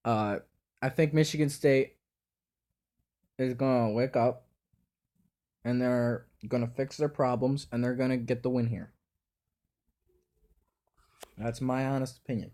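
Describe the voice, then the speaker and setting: A man's voice: mid-range voice, steady tone, a little slow, pauses often, warm tone. A man giving casual football predictions, thinking aloud in a hesitant way that repeats words and restarts sentences. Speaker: sports predictions host. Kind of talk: casual spoken football picks.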